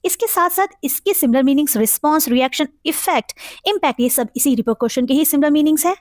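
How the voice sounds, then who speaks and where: A woman with an Indian accent teaching English vocabulary. She reads English example sentences very slowly, then explains them at length, asking questions and answering them herself. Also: high voice, lively intonation, no room sound, studio quality. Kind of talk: vocabulary lesson in Hindi mixed with English.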